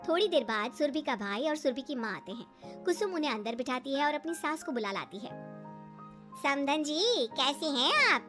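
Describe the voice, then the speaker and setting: A woman narrating a cartoon moral story in a brisk storytelling manner. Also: high-pitched, lively intonation. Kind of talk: storybook narration with acted dialogue. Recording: light background music.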